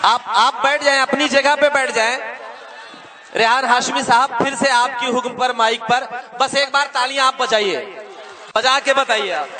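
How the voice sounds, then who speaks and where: A man's voice: very high-pitched, fairly even intonation, normal speed. A man, hosting a mushaira and calling out effusive praise to the poet. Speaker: mushaira host. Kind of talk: compering and praising from the stage. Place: outdoor stage before a crowd. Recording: noisy live crowd recording. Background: crowd and noise.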